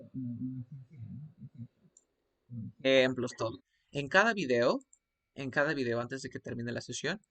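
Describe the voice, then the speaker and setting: Over screen share, a Spanish-speaking man leads an online class preparing a student for an English test. His voice is medium in pitch and a bit bright, and he breaks everything into steps while regularly checking in.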